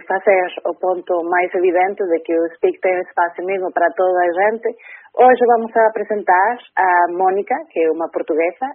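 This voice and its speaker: A woman, a regular guest on a radio show, explaining things at length over the phone with frequent hesitations. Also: lowish voice. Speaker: program coordinator guest. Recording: tinny phone line.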